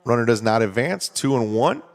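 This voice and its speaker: Steady conversational baseball play-by-play man. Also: moderate pace, vocal fry. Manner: steady, conversational, explains strategy between pitches. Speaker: play-by-play announcer. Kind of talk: baseball commentary.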